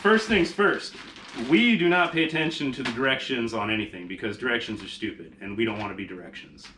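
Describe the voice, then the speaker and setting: A man's voice: medium pitch, brisk, noisy background. A sarcastic, heavily swearing man hosting a casual cooking vlog, talking as he works in a home kitchen. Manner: foul-mouthed, sarcastic. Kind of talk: casual cooking demonstration, talking while working.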